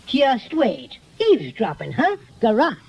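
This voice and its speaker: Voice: mid-range voice, huge pitch swings, unhurried, gravelly, a little mellow, exaggerated voice. An actor voicing a small, feisty, boastful toy teddy bear with an Irish accent and theatrical bluster in a 1930s children's radio serial. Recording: muffled vintage 1930s radio transcription.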